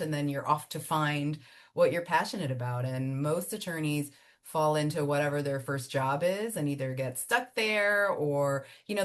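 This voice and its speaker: A woman from Miami whose first language is Spanish, an immigration attorney answering interview questions in a chatty, animated way with fillers and laughs. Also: deep voice. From Miami, United States. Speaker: immigration attorney and law firm founder.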